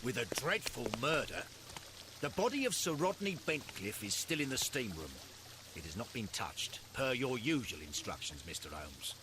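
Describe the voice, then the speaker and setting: An actor playing a formal police inspector in a detective game. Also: male voice, medium pitch, big pitch swings, normal speed, background noise, lightly acted. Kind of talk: game voice acting.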